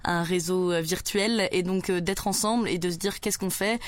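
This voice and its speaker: A woman's voice: lowish voice, fairly even intonation, moderate pace. A woman, answering as a festival organizer in a radio interview, hesitant with many fillers. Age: 20s.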